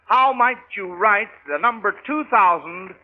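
A man's voice: high voice, unhurried. A man hosting a 1940s radio quiz for children, with a folksy, schoolmasterly way of talking. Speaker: radio quiz show host. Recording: tinny, noisy 1940s radio broadcast.

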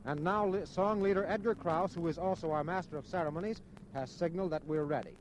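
An American man narrating formally from a script as a 1940s radio announcer, on a noisy old outdoor broadcast. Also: fairly high pitch. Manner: formal, measured phrasing.

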